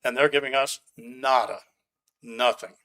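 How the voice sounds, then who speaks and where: A man's voice: mid-range voice, fairly even intonation, measured pace, pushed and bright. A man speaking at a county meeting as a resident giving public comment, blunt and sarcastic, angry about the project. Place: county commission meeting room.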